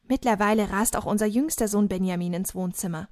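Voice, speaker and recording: A woman narrating an audiobook calmly and earnestly. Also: mid-range voice, fairly quick, no echo, studio quality. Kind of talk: scripted narration.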